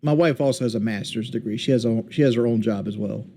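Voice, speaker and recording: A man in his late thirties in a casual voice chat, rambling candidly and haltingly. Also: medium pitch, mellow. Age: 30s. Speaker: streamer.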